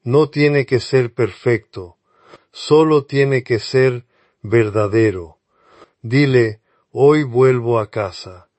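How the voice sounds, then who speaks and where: A male preacher delivers a devotional sermon at an unhurried, deliberate pace, addressing the listener directly and earnestly. His voice sits at an ordinary middle pitch. The recording is close and dry, with no room echo. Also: darkish tone. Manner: earnest, speaks straight to the listener.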